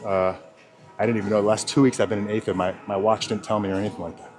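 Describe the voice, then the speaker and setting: A man's voice: fairly low pitch, level tone, very fast. A man talking casually in a gym vlog while out of breath, rambling and swearing, with lots of sidetracks. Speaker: fitness vlogger. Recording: music playing clearly behind.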